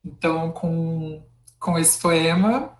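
A woman's voice: low-pitched, takes it slowly, slight background noise. A Brazilian woman hosting an online interview, speaking in Brazilian Portuguese accent from indoors. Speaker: interview host. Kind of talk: poetry reading, then conversational hosting. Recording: echoey, roomy sound.

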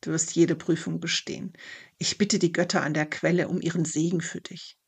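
Give me a storyteller playing an eager young village girl with a husky, heartfelt voice in a storybook. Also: mid-range voice, flat delivery, normal speed. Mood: hushed. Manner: encouraging, heartfelt. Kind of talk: storybook narration.

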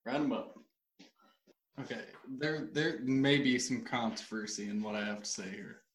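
A man playing a word-guessing game on a radio show, excitable and laughing often as he fumbles his clues. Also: medium pitch, moderate pace, reverberant. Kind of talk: casual joking banter.

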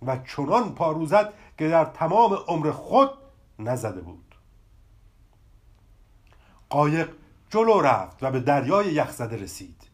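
Lively high-voiced male storyteller. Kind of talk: children's story narration.

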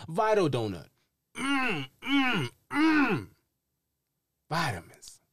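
A man playing an overexcited male announcer in a parody radio ad, booming and salesy. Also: huge pitch swings, very slow, a bit bright, no room sound, studio quality, full character voice. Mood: hyped.

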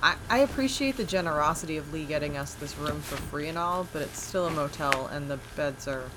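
A woman's voice: sits low, brisk, noisy background, natural voice. An actress playing a dry-humored wife who is groggy before her coffee, in an audio drama. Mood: storytelling. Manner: dry, deadpan.

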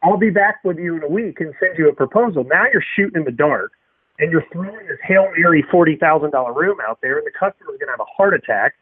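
A man's voice: fairly high pitch, animated, fast, slightly rough, no echo. A man chatting animatedly over a thin speakerphone-like connection, often mimicking his customers' voices. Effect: thin speakerphone-like sound over a bad connection. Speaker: podcast guest, home theater installer. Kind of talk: casual chat. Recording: tinny phone-line sound, dry.

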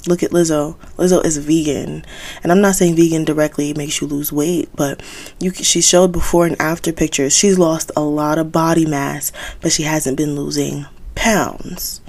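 Young woman, 20s, solo podcast host. Low, gravelly register, candid conversational delivery. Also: fairly even intonation, moderate pace, darkish tone. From United States, Haitian American. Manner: candid, conversational, thinking aloud.

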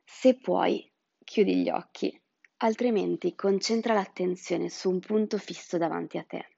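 A woman guiding a meditation in a soft, soothing, breathy voice that often drops into a whisper. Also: fairly low pitch, measured pace, dry recording, lo-fi sound. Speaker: meditation guide. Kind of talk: guided chakra meditation.

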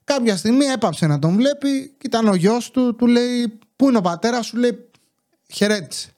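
High-voiced man telling neighbor stories. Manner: rambling, sarcastic, animated retelling. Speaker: podcast host. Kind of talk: casual storytelling monologue.

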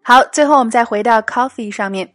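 A woman's voice: fairly high pitch, quick pace, a bit bright, dry recording, clean studio sound, faint music behind. A woman hosting a scripted English lesson podcast, reading short English dialogues and explaining them in Mandarin. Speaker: English teacher, host.

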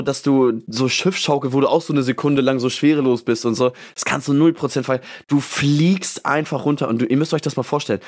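Male podcast co-host, mid-range voice, chatty and animated, acts out his own reactions while telling a story. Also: mid-range voice. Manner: animated storyteller, fills speech with "so" and "und so"; acts out his own thoughts as quoted lines. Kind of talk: casual chat, storytelling.

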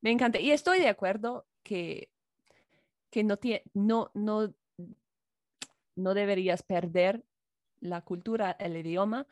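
A woman's voice: mid-range voice, no echo, studio quality. A woman, a native English speaker, in casual chat, mixing Spanish and English in Spanglish. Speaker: content creator.

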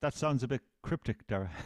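A man's voice: medium pitch, normal speed, darkish tone, no room sound, studio quality. A middle-aged man with an Irish accent, hosting a podcast in a conversational style. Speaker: podcast host, sales trainer.

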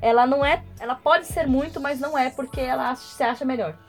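A woman chatting casually and quickly about a show she follows. Her voice sits slightly high and she argues her views with conviction. Faint music plays in the background. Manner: opinionated, acts out quotes in other voices.

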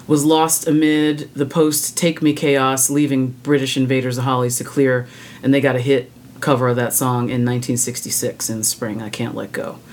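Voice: mid-range voice, flat delivery, moderate pace. An opinionated music podcast host reading prepared commentary, with wry, blunt casual asides.

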